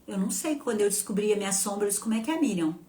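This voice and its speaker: A woman in her fifties with a southern Brazilian accent from Rio Grande do Sul, giving an emotional personal testimony on a live stream. She swings between hushed and loud and talks to herself as she speaks. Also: medium pitch, expressive, rapid-fire. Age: 50s. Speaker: spiritual therapist and live host.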